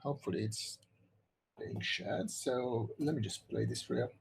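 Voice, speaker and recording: A man's voice: mid-range voice, lively intonation, unhurried, vocal fry, background noise. A middle-aged man from Hungary giving an online workshop presentation on visual effects, rambling with many fillers and restarts over a computer mic.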